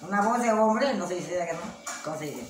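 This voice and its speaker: An older woman with a Mexican accent talks in a rambling, affectionate way, like a grandmother chatting with her viewers. Her voice sits back from the mic in an echoey space. Steady background noise runs under everything she says. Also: fairly low pitch, moderate pace, far from the mic. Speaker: vlog host, grandmother. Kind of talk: casual home vlog chat.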